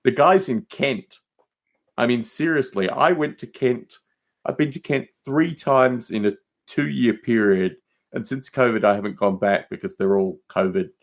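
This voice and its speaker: A middle-aged man speaks in a mid-range voice at a measured pace, guesting on a podcast though he hosts one himself. The chat is casual, and he tells emphatic, rambling stories, often repeating words to stress them.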